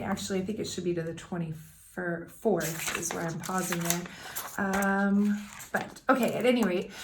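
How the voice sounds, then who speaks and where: A woman teacher talks her class through the day's work at a steady, middle-pitched register. She explains each step with patience and keeps pausing to check that the students are following along. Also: a little hiss or hum. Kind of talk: recorded classroom instructions.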